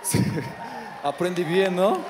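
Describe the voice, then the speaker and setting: On a big theater stage, a stand-up comedian from South Korea delivers his set in halting, filler-laden Spanish, his high voice breaking into abrupt shouted outbursts. The handheld mic catches reverberant hall sound, background noise, and an audience audible behind him.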